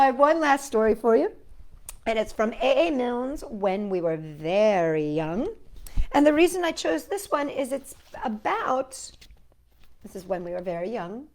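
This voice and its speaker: This native English-speaking woman has a slightly high, slightly mellow voice. She leads a playful, chatty storytime for little kids, regularly posing small questions and addressing her companion and young viewers with tag questions.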